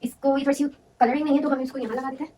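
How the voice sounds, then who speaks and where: Young woman, quick casual narration, warm dark tone, faint hiss behind. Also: sits high, fairly even intonation. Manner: thinks aloud, self-correcting. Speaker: vlogger. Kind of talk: casual narration while decorating.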